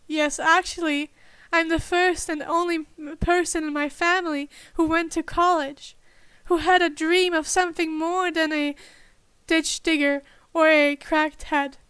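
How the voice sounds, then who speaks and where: A woman's voice: extremely high pitch, level tone, a little slow, a bit bright, dry recording. Brief: self-important male kidnapper doctor, read by a woman, huffy, dry close sound. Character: pompous male villain doctor, indignant.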